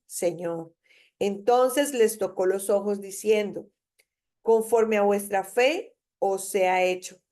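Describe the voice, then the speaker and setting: A woman's voice: medium pitch, a little mellow. A woman preaching a daily devotional, reading scripture and urging the listener with emphatic repetition. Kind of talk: devotional sermon with Bible reading.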